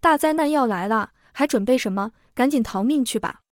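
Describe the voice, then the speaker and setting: A woman's voice: on the high side, lively intonation, brisk, dry recording, clean studio sound, natural voice. A woman voicing an anxious, blunt middle-aged servant woman who scolds and frets in a story reading. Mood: agitated. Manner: agitated, scolding.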